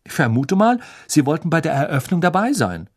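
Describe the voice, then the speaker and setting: Snippy know-it-all teen girl, as a guy reads her, high and a bit husky, storybook reading. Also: sing-song, fairly quick. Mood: sharp. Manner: curt, sharp delivery. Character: clever teenage girl, snippy and bossy.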